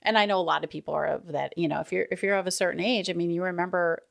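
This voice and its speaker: A woman's voice: lowish voice, steady tone, racing, gravelly, dry recording, clean studio sound. A middle-aged woman co-hosting a podcast in casual chat, rambling and laughing often. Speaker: podcast co-host.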